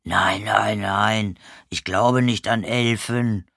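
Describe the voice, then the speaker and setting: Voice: steady tone, slow, creaky, no echo, clean studio sound. A reader voicing a frantic, confused old man who is hard of hearing and keeps mishearing words, in a storybook reading. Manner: high, loud, flustered and mishearing.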